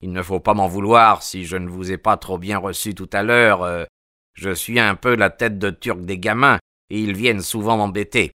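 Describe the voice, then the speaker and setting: A man voicing a gruff old animal keeper who shouts threats, then turns friendly. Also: fairly low pitch, steady tone, moderate pace, dry recording, studio quality.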